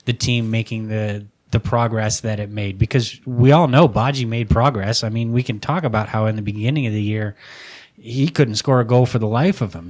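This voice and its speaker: Opinionated man in casual soccer chat. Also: mid-range voice. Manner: opinionated, excitable, swears casually. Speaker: podcast co-host.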